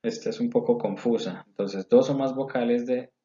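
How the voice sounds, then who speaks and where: A man giving a recorded English grammar lesson, explaining rules slowly and step by step. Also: mid-range voice, mellow. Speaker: English teacher. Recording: dull lo-fi audio.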